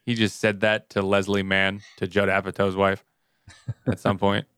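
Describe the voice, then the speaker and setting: A man's voice: low voice, completely flat delivery, moderate pace, a bit bright, clean tone, dry recording. A man co-hosting a podcast in casual chat, joking and laughing often. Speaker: podcast co-host.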